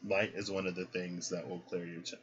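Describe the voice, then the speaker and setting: With a low pitch and a brisk pace, a man runs through a relaxed spiritual tarot reading card by card, often punctuating his points with "right?" The recording has a dull lo-fi quality.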